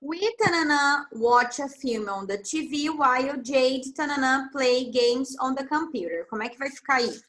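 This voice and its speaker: Woman, English tutor on a video call; sharp, high, patient, spells things out. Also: lively intonation, unhurried, few pauses, low-quality recording. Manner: patient, fills blanks with sung "tananã", spells letters. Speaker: English teacher. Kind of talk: online class tutoring.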